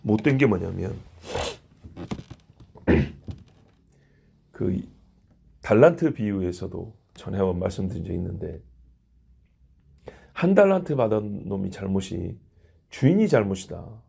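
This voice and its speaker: A male pastor giving an expository sermon, animated and acting out quotes as dialogue, with a gravelly, husky voice. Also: sits low, unhurried, pauses often.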